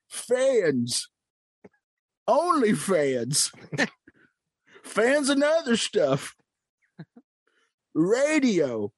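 A man voicing a boastful, cantankerous old male prospector in an improvised comedy bit, drawling slowly and self-importantly, clearing his throat between lines. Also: high-pitched, wildly swooping pitch, dry recording, voice pushed up, full character voice.

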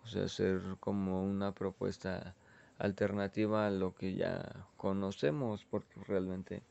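A man's voice: deep voice, level tone, measured pace, vocal fry, darkish tone, smooth, dull audio. A young man with a Mexican accent, rambling laid-back and full of slang in a casual chat from his bedroom. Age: young adult. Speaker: vlogger.

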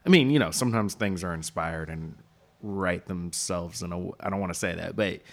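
Male podcast host, very low voice, hesitant and loose in his phrasing. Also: a little fast, gravelly. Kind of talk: casual interview chat.

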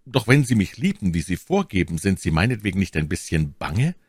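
A man's voice: low-pitched, big pitch swings, brisk, slightly rough, no room sound, studio quality, exaggerated voice. A man voicing a gallant, earnest young swordsman who speaks in a courtly, pleading way in an audiobook. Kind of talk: audiobook character voice.

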